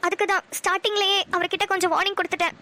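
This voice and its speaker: A woman's voice: extremely high pitch, steady tone, racing, pushed and bright. A woman voicing a guarded young woman in a cartoon who explains herself anxiously and defensively. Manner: anxious, self-justifying. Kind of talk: Tamil cartoon voice acting.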